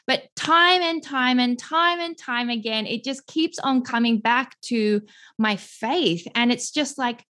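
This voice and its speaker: A woman in her thirties with an Australian accent, from Melbourne, talking as a guest on a podcast in an effusive, animated way. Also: a little high, slow pace. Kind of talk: podcast interview conversation.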